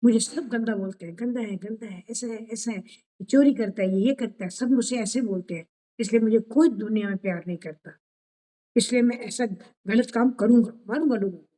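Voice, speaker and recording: A woman's voice: a little high, a little fast, mellow, close to an everyday voice. Woman voicing a sullen angry teenage boy. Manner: sullen, demanding.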